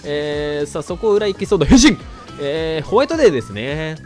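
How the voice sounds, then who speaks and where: Faint music hums behind a gaming YouTuber who is commentating live on his play. His high voice bounces and wanders in pitch, a little stuffy and raspy from a cold, and he talks a bit fast in an excitable, chatty way that erupts into shouts mid-game.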